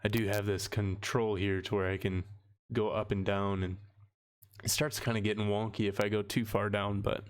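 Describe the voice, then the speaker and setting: A young male streamer chats casually on a livestream from a room at home lined with bookshelves. His voice is lowish, clear and resonant, and he rambles in an easygoing way, laughing often.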